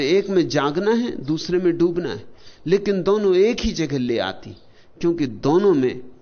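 A man giving a spiritual discourse, slow and deliberate, setting out single words one at a time with long pauses between them. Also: on the high side, lo-fi sound. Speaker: spiritual teacher.

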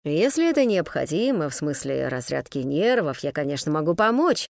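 A woman voicing a cheerful, mysterious man who teases with ironic gallantry, shifting between a brighter voice and a lower one. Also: big pitch swings, moderate pace, creaky, no room sound, studio quality, full character voice. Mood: mock-serious. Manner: playful, mock-gallant, teasing.

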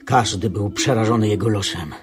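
A man's voice: on the low side, moderate pace, lightly acted. An actor playing a grief-stricken young son who tells of his father's death and accuses his mother, with impassioned delivery in a radio drama. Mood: grim, mournful. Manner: impassioned, rising to fierce outbursts.

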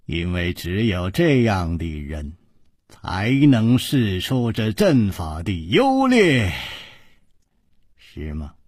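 A man voicing a scheming young nobleman in a storytelling reading, speaking softly and low, at times near a whisper. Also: huge pitch swings, slow, no room sound, clean studio sound, exaggerated voice. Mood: knowing. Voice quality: soft low breathy.

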